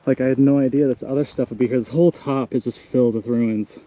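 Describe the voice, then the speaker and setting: A man filming himself as he hikes outdoors, out of breath and exclaiming excitedly on a handheld camera mic. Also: mid-range voice, quick pace. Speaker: vlogger exploring ruins. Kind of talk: excited on-the-spot hiking commentary. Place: outdoors on a hilltop.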